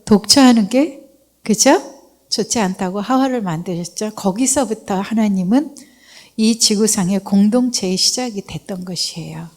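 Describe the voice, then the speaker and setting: A woman missionary from Seoul giving a lively, humorous testimony in a church service, acting out the voices she quotes. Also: mid-range voice, moderate pace. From Seoul, South Korea.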